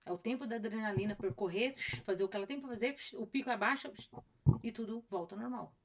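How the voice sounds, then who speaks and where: On a live stream, a middle-aged therapist with a Brazilian Portuguese accent chats casually, repeating phrases and imitating her patients' voices. She talks fast in a mid-range voice.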